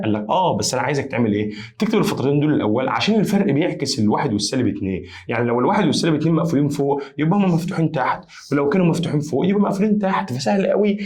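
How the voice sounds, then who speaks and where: Speaking quickly at a middle pitch, this Egyptian-accented math teacher delivers a lively whiteboard lesson. He addresses students as "ya basha" in a chatty, emphatic style and keeps repeating the key phrases.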